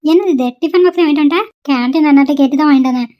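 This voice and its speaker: A woman's voice: sits high, racing, muffled recording, close to an everyday voice. A woman voicing caring young female college students in a homemade cartoon, coaxing and pleading with a friend. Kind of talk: amateur cartoon voice acting.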